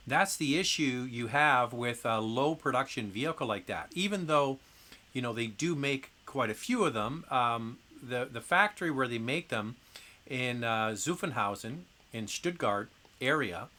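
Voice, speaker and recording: A middle-aged man talks casually on a live car Q&A stream. His voice is bright and forceful. He rambles with plenty of fillers and restarts. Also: mid-range voice. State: occasional coughing from acid reflux.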